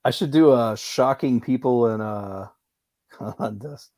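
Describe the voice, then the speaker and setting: A man who is a guest on a livestream, talking in quick, animated bursts full of fillers. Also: medium pitch, no echo, studio quality. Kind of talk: casual livestream chat.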